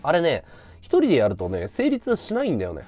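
A man's voice: fairly high pitch, wildly swooping pitch, a little fast, warm tone, soft background music. A man hosting a casual livestream chat, talking freely and thanking viewers for gifts. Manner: chatty, reacts to viewer gifts. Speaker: livestream host.

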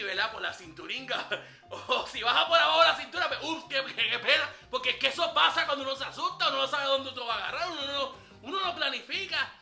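Brash flirty ladies' man, very high voice, lively swaggering comedy banter, roomy echo. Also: full character voice. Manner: swaggering slangy banter, calls listener papá. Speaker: comic character giving dating tips. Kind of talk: comedy sketch monologue.

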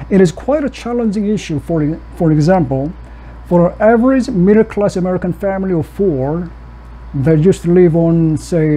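A middle-aged man from South Korea, giving a measured academic conference talk and reading prepared text with occasional restarts. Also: high voice, dark tone, husky, rough recording. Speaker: missiologist lecturer.

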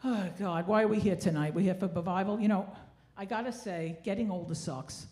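A woman's voice: mid-range voice, fairly quick, darkish tone. A woman in her sixties doing stand-up comedy into a handheld stage mic, with wry, self-deprecating, Yiddish-inflected kvetching. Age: 60s. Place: theatre stage, indoors. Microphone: handheld stage microphone. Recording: live stage ambience with clear noise.

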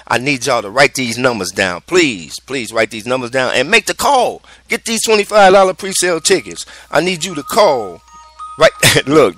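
A man hosting a casual radio show, animated and slangy, repeating himself as he talks to listeners. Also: a little high. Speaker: radio DJ host.

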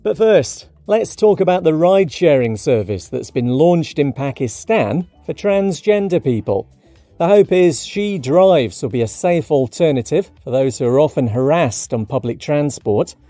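A man hosting a short news podcast, reading scripted headlines in a brisk, upbeat and cheeky way. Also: fairly high pitch, lively intonation, warm tone, dry recording. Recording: dry studio read over light music.

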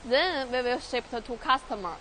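A young Chinese woman touring a large factory workshop in halting English with a Chinese accent, repeating words and using many fillers, filmed on a handheld phone. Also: high-pitched, bright, forceful tone, slight background noise. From China. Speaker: factory tour guide. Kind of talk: live factory tour walkthrough. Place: large industrial workshop and outdoor factory yard.

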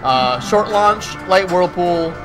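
A man's voice: high voice, animated, slow, poor audio. A man giving casual livestream commentary on his own game as he plays. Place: indoor bar arcade. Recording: loud music in a busy arcade. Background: loud music.

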